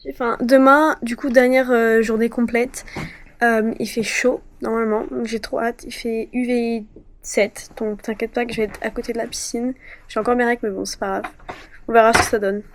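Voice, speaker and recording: Bubbly 20-something woman talking to her phone cam, kinda high voice, bit of hiss behind. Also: flat delivery, normal speed. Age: 20s. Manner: chatty, bubbly, rambling. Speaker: vlogger. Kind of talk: casual vlog chat.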